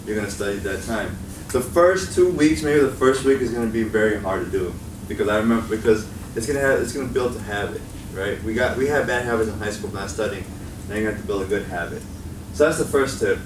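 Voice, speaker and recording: Speaking fast in a low register, a young Chicago-accented guest speaker chats casually with college students, frequently checking in with "right?". He's in a college meeting room, and the noisy recording sounds distant and echoey.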